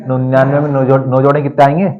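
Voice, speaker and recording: A man's voice: mid-range voice, level tone, very fast, lo-fi sound, a crowd in the background. Male maths teacher, talking in a classroom, teasing and counting out sums aloud. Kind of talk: classroom lecture.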